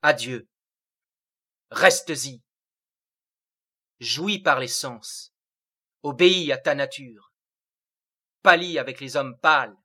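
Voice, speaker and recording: A man's voice: mid-range voice, slow pace, long pauses, bright, forceful tone, full character voice. A man voicing a sorrowful, otherworldly seraphic being who speaks in solemn, lofty declamation. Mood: exalted.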